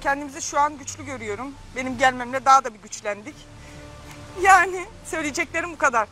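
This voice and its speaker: A woman's voice: high voice, quick pace, sharp tone, soft background music. A young woman contestant answering a host's questions, a little shy and giggly. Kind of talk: on-camera interview answers.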